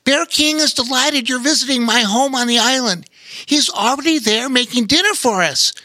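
A man voicing a cheerful adult sailor in a high, strained, hearty voice. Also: normal speed, sharp tone, no echo, full character voice.

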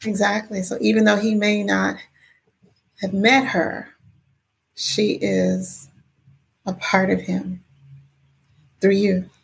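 A woman speaking as a podcast guest, reflecting personally in a measured, affirming way. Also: mid-range voice, flat delivery, vocal fry, rough recording.

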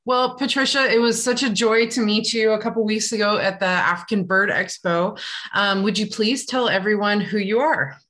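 A woman's voice: medium pitch, normal speed, a bit bright. Upbeat woman podcast host. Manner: encouraging, upbeat. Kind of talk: casual interview questions.

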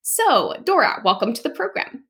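A woman's voice: high voice, sing-song, normal speed, creaky, bright, forceful tone. A woman hosting a podcast, giving upbeat introductions and asking questions. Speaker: podcast host. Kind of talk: interview.

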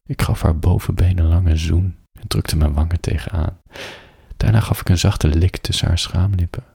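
In a low, very husky and breathy voice with gravelly fry, a man reads an adult story as a bedtime tale. He's soft and intimate, often dropping to a whisper, with fairly even intonation at normal speed. The recording is close and bone-dry.

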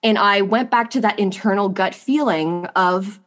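A young adult woman with a medium-pitched, fairly bright voice talks at a normal speed, sniffly from allergies. She's a guest on a podcast, telling her own story candidly and rambling through it with plenty of "like" and "you know."

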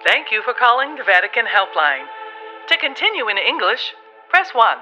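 A chirpy church phone menu. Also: female voice, on the high side, sing-song, moderate pace, bright, forceful tone, heavily acted. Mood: bright. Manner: cheerful, sing-song menu announcements. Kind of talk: radio play. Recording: lo-fi with music behind.

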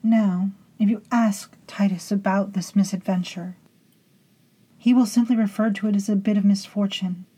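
A woman hosting and narrating a scripted horror story in a hushed, intimate way, sometimes sinking into whispers and calling her listeners beloveds. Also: medium pitch, fairly even intonation, moderate pace, breathy edge, rough recording. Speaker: storytelling host.

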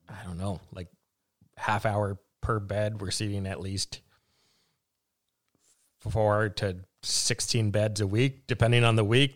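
A somewhat low-pitched man talks casually about his farm work as an interview guest. He hesitates often, trails off and restarts his sentences, with an easygoing, unhurried manner. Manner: relaxed, hesitant with many fillers and restarts, laughs easily. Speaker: vegetable farmer guest.

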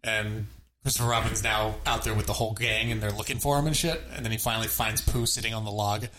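A man's voice: on the low side, fast talker. Swearing, storytelling podcast guy, echoey room. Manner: animated, swears freely, tells stories with laughter. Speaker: podcast co-host. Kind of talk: casual chat. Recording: echoey room with background noise.

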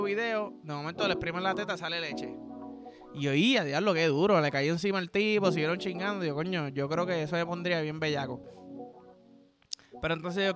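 A man with a Puerto Rican accent hosting a podcast, telling crude comic stories in a rambling, vulgar way and acting out the people in them. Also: fairly high pitch. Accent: Puerto Rican Spanish. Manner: vulgar, rambling, acts out voices in his stories. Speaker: podcast host. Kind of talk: crude comedic storytelling monologue.

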